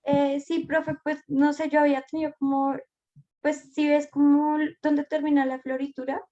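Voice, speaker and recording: A woman's voice: high voice, little pitch movement, moderate pace, dark tone, dull audio. A woman student answering her teacher hesitantly over a video call, explaining her choice. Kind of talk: casual reply in class.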